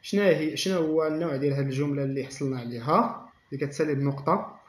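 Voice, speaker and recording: A man with a Moroccan accent teaching a French grammar lesson, reading French slowly and explaining it quickly in Moroccan Arabic. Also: fairly high pitch. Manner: slow dictation-like French, rapid Darija explanations. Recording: echoey room.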